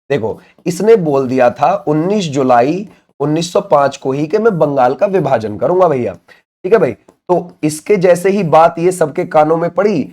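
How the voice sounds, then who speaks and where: This exam coaching teacher has a fairly high, dark-toned voice. In his exam-prep lecture he drills the material, asking questions and answering them himself, and keeps repeating catchphrases to check that students understand.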